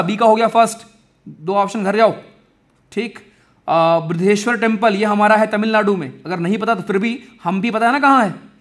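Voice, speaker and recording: Exam-prep mnemonics are the topic as a high-pitched young man chats energetically through his lesson. He keeps referring to his audience as friends and brothers.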